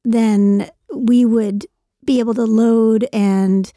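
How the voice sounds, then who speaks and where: Warm-toned woman, fairly high. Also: fairly even intonation, slow, no room sound, clean studio sound. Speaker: co-host. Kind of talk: casual podcast chat.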